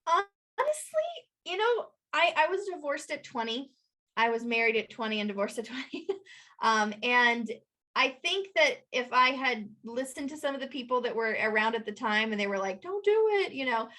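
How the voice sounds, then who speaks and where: A woman guest in an interview, telling stories in a lively way and acting out the people she quotes. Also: normal speed. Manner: animated storyteller, acts out quotes in a higher voice. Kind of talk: conversational interview.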